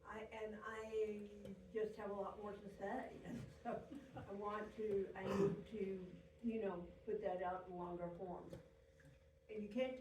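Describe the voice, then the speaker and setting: A woman's voice: mid-range voice, flat delivery, unhurried, darkish tone. A woman playwright on a panel, hesitant and searching for words, laughing now and then. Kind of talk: panel discussion. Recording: roomy echo, far from the mic, faint noise.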